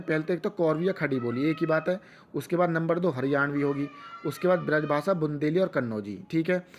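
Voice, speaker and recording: A man teaching an exam-prep lesson with a western Uttar Pradesh accent, asking quiz questions and answering them himself, repeating each answer for emphasis. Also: fairly high pitch. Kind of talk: rapid quiz-style lecture.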